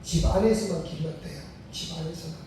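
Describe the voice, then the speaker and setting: A man's voice: on the high side, steady tone, fairly quick, a little mellow, slight background noise. An older man, a retired senior pastor, preaching a sermon and telling a story with emphatic, repeated phrases. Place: church sanctuary. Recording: very echoey sanctuary, mic far off.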